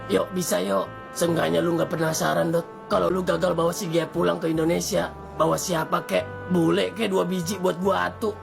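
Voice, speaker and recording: Someone acting a goofy young guy bestie, super croaky jakarta voice, dramatic n teasing, cartoon, music behind. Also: medium pitch, level tone, moderate pace. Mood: melodramatic urging. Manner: melodramatic, teasing. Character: goofy, melodramatic, slangy young male best friend. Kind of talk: animated comedy dialogue in Jakarta slang.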